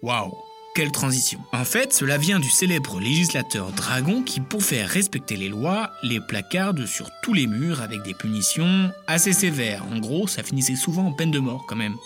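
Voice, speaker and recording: A man narrating in a scripted comic voice at a middle pitch, and his voice swings widely up and down. He sounds mock-serious and playful, with sly asides where he pokes fun at himself. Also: sing-song, moderate pace, few pauses, music in the background.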